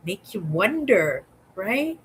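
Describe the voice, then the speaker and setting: A woman's voice: mid-range voice, sing-song, takes it slowly, a bit bright, a little hiss or hum, rough recording. A woman in her sixties who muses aloud in a casual vlog monologue and often ends her thoughts with a questioning "right?". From Canada. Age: 60s. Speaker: vlogger.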